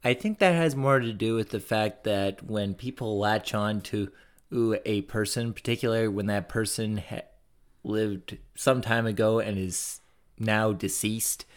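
A man's voice: lowish voice, fairly even intonation, a little slow. A man co-hosting a podcast, chatting casually with sarcastic jokes and mock-dramatic gasps. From North America. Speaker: podcast co-host. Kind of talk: casual chat.

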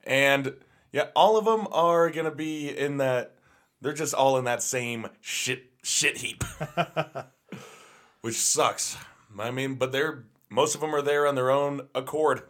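A man's voice: mid-range voice, slow pace, a bit bright. Blunt, cursing co-host with a Utah accent, a man. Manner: blunt, profane, laughs often. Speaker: radio co-host. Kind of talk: casual radio banter.

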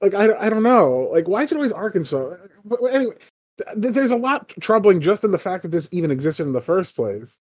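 A man's voice: high-pitched, big pitch swings, fairly quick, darkish tone, dry recording. A man co-hosting a podcast, talking in a rambling casual way, full of "like" fillers and the odd swear. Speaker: podcast co-host. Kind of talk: casual political chat.

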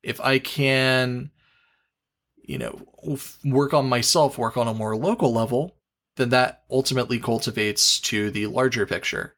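A man's voice: medium pitch, a little slow, a bit bright. A man co-hosting a podcast, giving earnest advice in casual talk. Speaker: podcast co-host.

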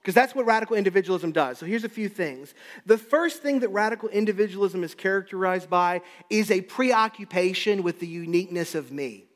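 Guy pastor preaching, kinda high voice, punchy repeated lines, big echoey hall. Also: animated, fairly quick. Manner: emphatic, repetitive preaching cadence. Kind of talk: sermon.

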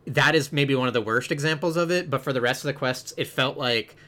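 A man's voice: medium pitch, fairly quick, sharp tone. A man chatting casually about a video game, rambling and full of "like" fillers, with the odd swear.

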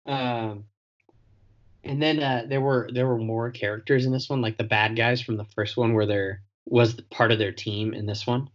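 A man's voice: mid-range voice, steady tone, normal speed. Laid-back man in lo-fi casual chat. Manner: laid-back, laughs often, recaps plot with fillers. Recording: dull lo-fi sound.

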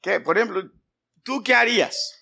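A man's voice: sits high, lively intonation, moderate pace, gravelly, pushed and bright, husky. A man, a pastor giving a conversational sermon in a church, questioning his congregation by name. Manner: acts out scolding dialogues with shifting voices.

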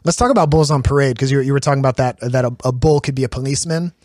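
A man hosting a podcast who talks quickly in a chatty, casual way. He breaks his sentences with ums and restarts. The sound is close and dry, with no room around it. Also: medium pitch, darkish tone, no room sound. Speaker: podcast host. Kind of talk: casual discussion of song lyrics.

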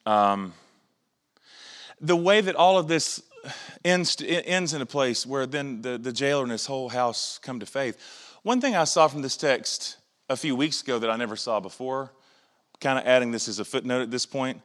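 A man's voice: mid-range voice, lively intonation, moderate pace, a bit bright. A man preaching a sermon in an earnest, reflective way, often restarting phrases and briefly mimicking other voices. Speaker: pastor.

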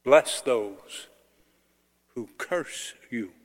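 A man, a clergyman, solemnly proclaiming scripture in deliberate short phrases, in a cathedral-like echo. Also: mid-range voice, lively intonation. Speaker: clergyman reading the Gospel. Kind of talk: solemn liturgical Gospel proclamation. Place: large reverberant church. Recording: cathedral-like echo, long reverb.

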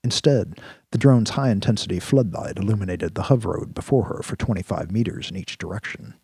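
A man narrating a sci-fi action story in a steady, vivid storytelling manner. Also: lowish voice, brisk, vocal fry, breathy edge, dry recording. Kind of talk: audiobook-style story narration.

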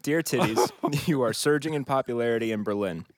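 A man's voice: medium pitch, fairly quick. A man co-hosting a comedy show, reading listener mail and trading casual banter.

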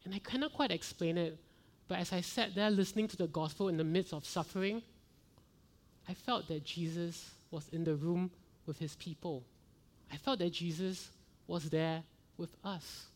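A middle-aged man preaches from the pulpit in an earnest sermon. His voice sits fairly high for a man, and he climbs into fervent rhetorical questions as he presses his points. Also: normal speed. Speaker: pastor.

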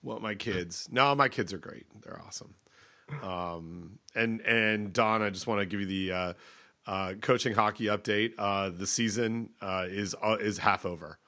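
A man in his thirties co-hosts a podcast while stuffed up from a cold, rambling hesitantly and restarting often in casual chat. His voice is on the low side and sharp in tone, at a moderate pace.

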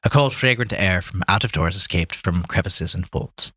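A man's voice: low voice, normal speed, fairly bright tone, dry recording. A man reading a story aloud to friends in a casual, joking way, stumbling over words and laughing at himself.

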